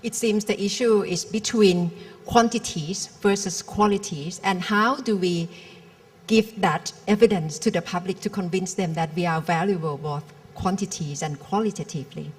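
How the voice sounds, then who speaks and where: A woman's voice: on the low side, normal speed. A woman moderating a conference panel, posing pointed questions. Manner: probing, poses pointed questions.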